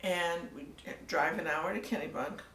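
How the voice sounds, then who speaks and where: An older woman telling her story in a casual interview, soft-spoken and trailing off into near-whispers. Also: lowish voice, normal speed, slight background noise. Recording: echoey room, mic at a distance, faint ambience.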